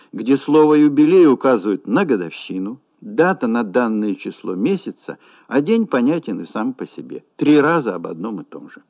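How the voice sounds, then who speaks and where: Guy lecturing slow and careful, voice goes way up and down, kinda muffled recording. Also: a little high. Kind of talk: academic lecture on Russian usage. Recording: dull lo-fi recording.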